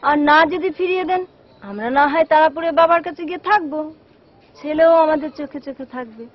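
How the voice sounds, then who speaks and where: An actress playing a calm, faithful village wife who reassures her husband. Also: high voice, fairly quick, natural voice. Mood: reassuring. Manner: reassuring and steady. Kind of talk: devotional film acting. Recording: dull lo-fi film soundtrack.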